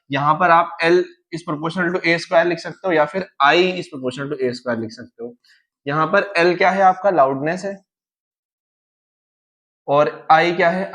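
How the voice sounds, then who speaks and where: Young man, informal physics coach, slightly high voice, lively asides, casual exam-prep lesson. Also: muffled recording. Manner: lively, chatty and informal, mixes in English terms and playful asides. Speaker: physics teacher.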